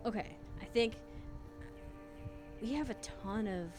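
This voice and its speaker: A woman's voice: on the high side, slow pace. A woman giving casual, chatty commentary as she streams a game. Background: game music.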